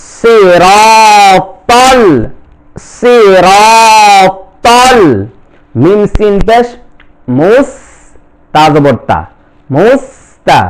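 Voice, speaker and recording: A man with a Bangladeshi accent teaching Quran reading, spelling out each letter and vowel and then repeating the syllables in a slow recitation lesson. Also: sits high, clear, resonant tone.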